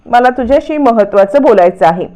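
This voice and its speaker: A woman's voice: fairly high pitch, animated, brisk, warm tone, highs cut off, lightly acted. A woman voicing a resolute young daughter-in-law who speaks steadily and earnestly. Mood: earnest resolve.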